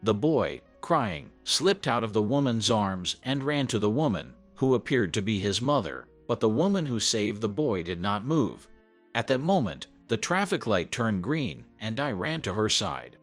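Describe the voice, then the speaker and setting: A man's voice: lowish voice, very animated, normal speed. A man narrating a first-person story in an earnest, scripted way. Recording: soft background music.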